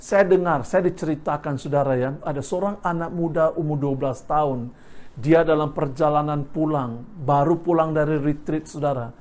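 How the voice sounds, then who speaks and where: A male pastor preaching a sermon, constantly addressing the congregation and slowing down on key words for emphasis. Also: fairly high pitch, darkish tone.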